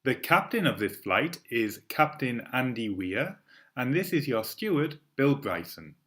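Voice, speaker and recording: A man giving a scripted flight attendant cabin announcement in a formal, measured way for language practice. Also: medium pitch, sing-song, a bit bright. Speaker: English lesson narrator reading a flight attendant announcement.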